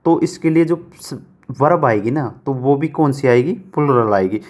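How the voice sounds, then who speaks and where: A man teaching an exam-prep grammar lesson at a middle pitch. He asks each question and answers it himself, repeating the answer. He reads the English example sentences slowly, word by word. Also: lively intonation.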